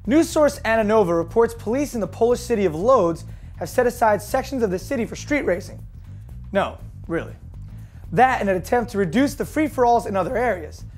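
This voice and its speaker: A hoarse woman hosting a daily car news show, reading scripted news with jokey deadpan asides. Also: fairly high pitch, fast talker, faint music behind. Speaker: host.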